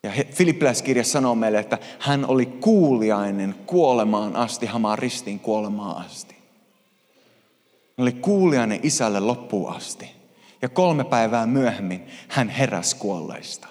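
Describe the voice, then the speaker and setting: A man's voice: medium pitch, lively intonation. Impassioned male preacher in a reverberant hall. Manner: impassioned, swinging from hushed to loud. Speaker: pastor. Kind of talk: sermon.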